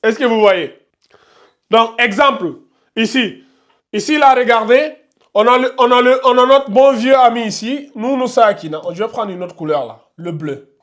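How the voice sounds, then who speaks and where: A man teaching a class at a board, repeating each point, checking that students follow, and slowing down to spell out pronunciations. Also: extremely high pitch, a bit bright. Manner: slows down to spell out Arabic pronunciations. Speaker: tajwid teacher.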